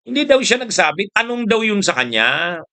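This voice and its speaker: A male political commentator talks in a pointed, forceful voice that sits a little high for a man. He mocks his targets with frequent laughs and drills his points home by repeating them. He keeps throwing in quick "ha?" asides. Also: very animated. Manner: mocking, laughs often, keeps asking "ha?". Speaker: political commentator and show host. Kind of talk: casual political commentary monologue.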